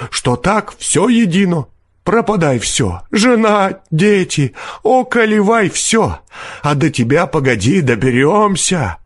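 A man's voice: sits high, dry recording, studio quality, voice pushed up, exaggerated voice. A man reading an audiobook, voicing a desperate poor peasant who shrieks wild accusations.

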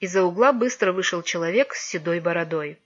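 A woman narrating a children's story in an even, measured reading voice, on a dull lo-fi recording. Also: fairly low pitch. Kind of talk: audiobook narration.

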